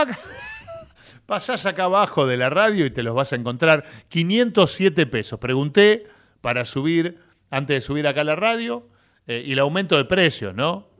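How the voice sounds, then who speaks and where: A man with a Rioplatense Spanish accent, hosting a radio show in chatty, animated talk full of filler tags. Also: mid-range voice. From Argentina. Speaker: radio host. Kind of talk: casual radio chat. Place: radio studio.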